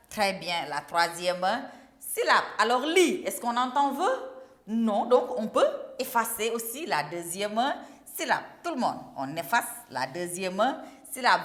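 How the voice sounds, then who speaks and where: A woman's voice: medium pitch, bright, forceful tone. A woman teaching a primary class, drawing out and repeating words for young pupils. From Senegal. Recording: echoey classroom.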